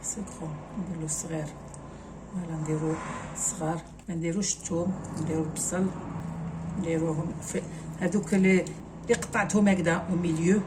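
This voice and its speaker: A woman's voice: lowish voice, fairly even intonation, quick pace, noisy background. A woman with an Algerian accent, casually talking viewers through a cooking recipe step by step and slipping French words into her speech. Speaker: cooking channel host.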